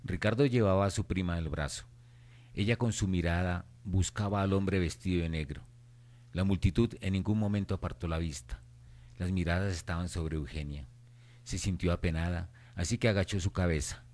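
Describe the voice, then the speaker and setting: A man's voice: low voice, moderate pace, darkish tone. A man reading scripted narration for a horror radio drama.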